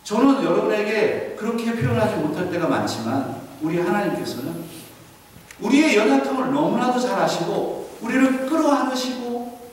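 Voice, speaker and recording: A man preaching a sermon as pastor, lively and full of rhetorical questions to his congregation. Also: high voice, normal speed. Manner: animated, asks the congregation many rhetorical questions. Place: large church sanctuary. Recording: echoey church hall from far off.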